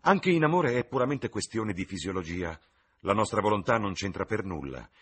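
Man voicing aristocratic dandy, ironic, theatrical, raised pitch, husky, animated. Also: moderate pace. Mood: playful. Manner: ironic, theatrical, declaiming epigrams. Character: witty languid aristocratic gentleman, playful and provocative.

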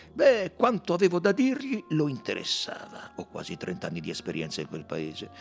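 A man reading an audiobook, voicing a stiff, gruff older British army colonel who talks in clipped, grumbling, hesitant phrases. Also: fairly high pitch, pitched above the performer's own voice, exaggerated voice.

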